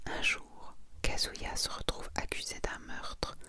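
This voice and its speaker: Soft and slow, a woman's hushed whisper guides an ASMR video about her manga collection, where she mixes reading aloud with her own remarks.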